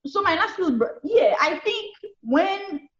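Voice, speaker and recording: A woman's voice: very high voice, sing-song, unhurried, a bit bright, highs cut off. Candid woman in an echoey room. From Saint Lucia. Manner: candid, laughs often, emphatic repetition. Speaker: guest. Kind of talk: casual conversation.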